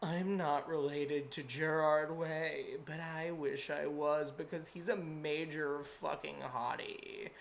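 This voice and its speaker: A woman voicing a moody, self-absorbed goth teenage girl who narrates her own story in a flat, sulky way. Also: deep voice, slow pace, few pauses, voice pushed down. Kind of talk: dramatic reading of fan fiction.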